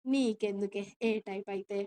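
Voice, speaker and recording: A woman's voice: medium pitch, steady tone, moderate pace, dark tone, clear, resonant tone, close to an everyday voice. A woman voicing an arrogant, careless young husband who talks brusquely and teases, reading him in a storybook telling. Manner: brusque and teasing.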